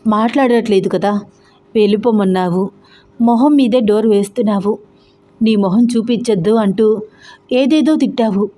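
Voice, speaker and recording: A woman's voice: medium pitch, moderate pace, pauses often, mellow, lightly acted. A woman doing a pleading tearful young husband. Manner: pleading, emotional.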